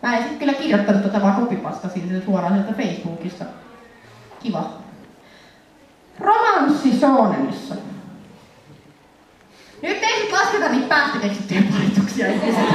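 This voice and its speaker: Animated Finnish woman in an echoey hall. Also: on the high side, pauses often. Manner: animated, laughing, acts out scenes in funny voices. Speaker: convention panel presenter. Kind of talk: lively convention talk to an audience. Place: convention hall with audience. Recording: echoey hall, voice from far off, faint noise.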